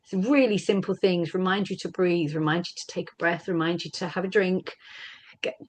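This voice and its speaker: A woman's voice: on the low side, fairly even intonation, normal speed. A woman speaking earnestly as a parent about her own experience of family court, with emphatic repetition and a plain conversational manner. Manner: earnest, emphatic, repeats phrases. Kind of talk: personal testimony at a panel.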